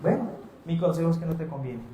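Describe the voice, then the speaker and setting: A man preaching a sermon as pastor in a church, speaking in a lively way and acting out his congregants' voices. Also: high voice, normal speed, reverberant, lo-fi sound.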